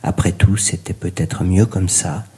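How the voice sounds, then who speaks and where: A man's voice: deep voice, steady tone, unhurried, mellow. A man narrating a story in a theatrical, ornate manner, sometimes dropping to a whisper.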